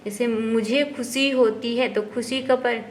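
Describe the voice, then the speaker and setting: Slow, slightly high voiced woman teacher doing a textbook walkthrough, asks n answers herself, faint hiss behind. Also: steady tone.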